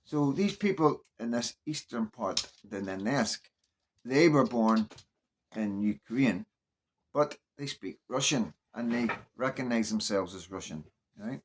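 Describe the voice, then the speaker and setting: Speaking at a measured pace in a medium-pitched, expressive voice, this Northern Irish man gives off-the-cuff political opinions in a conversational style. He frequently checks in with whoever's listening, and a little hiss or hum sits under the recording.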